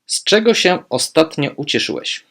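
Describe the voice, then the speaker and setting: A man teaching language, speaking German phrases slowly and clearly, then explaining them with quick asides. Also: fairly high pitch, very animated, fairly bright tone. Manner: slow, modelling German phrases deliberately, quick asides in Polish.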